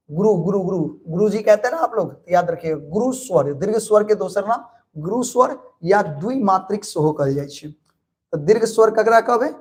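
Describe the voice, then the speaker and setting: A man with a Maithili accent teaching grammar for an exam, drilling students with quick questions and answering them himself. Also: high voice. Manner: lively, calls students pet names. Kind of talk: online exam-prep grammar lesson.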